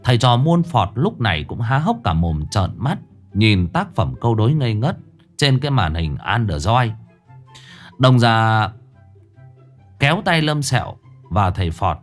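Animated male storyteller. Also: on the low side, measured pace, long pauses, faint music behind. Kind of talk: comic folk story narration.

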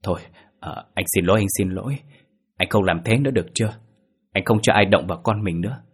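A worried young husband trying to calm his frightened wife, as a male narrator plays him. He speaks in a low, husky voice with quick, coaxing reassurance. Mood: anxious.

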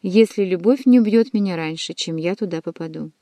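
A woman's voice: on the low side, fairly quick, mellow, dry recording, close to an everyday voice. A woman voicing an ardent, jealous young male nobleman who pleads his love. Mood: jealous pleading. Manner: pleading, impassioned.

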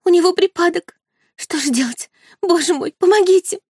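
A woman's voice: normal speed, a little mellow, no room sound, clean studio sound, lightly acted. A woman voicing a tearful, hysterical young woman who pleads and sobs. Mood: pleading. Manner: pleading, sobbing, high-strung.

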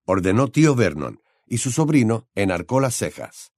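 A man narrating an audiobook in an expressive storytelling style. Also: lowish voice, normal speed, no room sound, studio quality.

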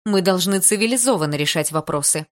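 A woman voicing a principled female class teacher who pleads earnestly for calm. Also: on the low side, fairly quick, close to an everyday voice.

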